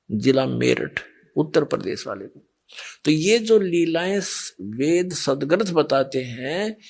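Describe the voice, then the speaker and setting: Older man, preacher, gravelly raised voice, sermon, asks questions and answers them himself. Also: on the high side. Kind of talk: Hindi sermon.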